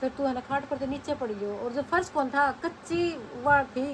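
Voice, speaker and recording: A woman's voice: sits high, expressive, moderate pace, a little hiss or hum, poor audio. A middle-aged woman with a Haryanvi accent, chatting casually as the vlogger's mother at home. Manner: responds with short affirmations, gives homespun advice. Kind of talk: casual family chat. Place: at home with family.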